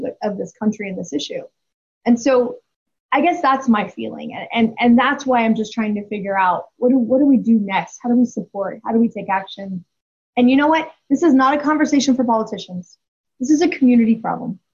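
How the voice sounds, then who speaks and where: A woman's voice: a little high, a little fast, darkish tone, slightly rough. A woman in her forties, speaking as a guest and telling a story candidly, with emphasis and frequent restarts. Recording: dull lo-fi audio.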